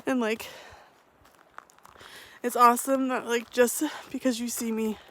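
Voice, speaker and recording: Walking a trail with a handheld camera, a young thru-hiker vlogger speaks in a fairly high, sharp voice, unhurried and flat in delivery. Her casual monologue rambles and turns emotional, broken by occasional laughter.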